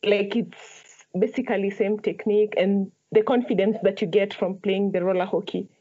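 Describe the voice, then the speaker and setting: A young woman with a Kenyan accent speaks at a middle pitch. She answers interview questions in a casual, conversational way. The recording is a little dull and lo-fi. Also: fairly even intonation, normal speed, mellow. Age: young adult. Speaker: podcast guest, ice hockey player.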